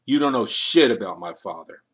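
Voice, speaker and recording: A male narrator puts on an aggressive music executive who talks crude and combative. The reading is an audiobook. The pitch stays in an ordinary middle range. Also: animated, normal speed, natural voice.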